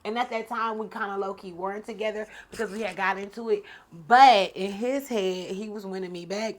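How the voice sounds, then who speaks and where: A woman podcast host tells a story from her own life with loose, slangy energy, breaking into laughs and swinging loud then hushed. Her voice sits at an ordinary middle pitch. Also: brisk. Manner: animated, slangy, laughs often. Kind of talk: personal storytelling.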